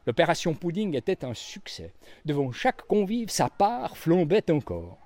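A man narrating a storybook reading in an expressive, varied read-aloud voice. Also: on the high side, moderate pace, no room sound.

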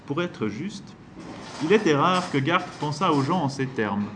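A man narrating a novel in a steady, measured reading voice. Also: a little high, noisy background. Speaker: audiobook narrator.

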